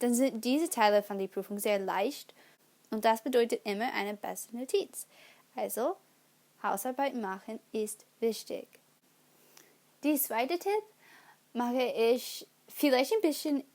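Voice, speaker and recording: A young adult woman who hosts a student channel speaks with an English-speaking accent as a learner of German, presenting a study-tips video in a casual, unhurried style. She talks slowly and haltingly, pausing and correcting herself, in a slightly high voice with a darkish tone.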